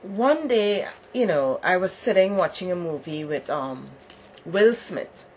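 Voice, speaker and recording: Woman, low-pitched and halting. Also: animated, darkish tone, a little hiss or hum, poor audio. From Trinidad. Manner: plain and halting, trails off mid-sentence. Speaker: guest author. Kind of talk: casual interview.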